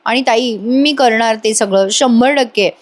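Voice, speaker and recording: A woman's voice: a little high, unhurried, lightly acted. A woman voicing a spirited, pregnant younger sister who defends herself earnestly.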